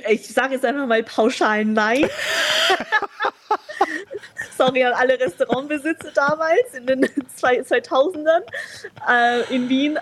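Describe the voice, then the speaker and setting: This fairly high voice belongs to a young woman originally from China who is a guest in a frank conversation. She comes across as reflective and open, laughing readily and often dropping in filler words.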